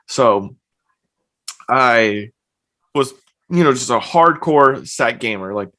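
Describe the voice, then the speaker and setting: Relaxed, chatty young man. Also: mid-range voice, slow. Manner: relaxed, chatty, uses lots of fillers like "like". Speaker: podcast guest, streamer and personal trainer. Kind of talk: casual interview chat. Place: home, evening.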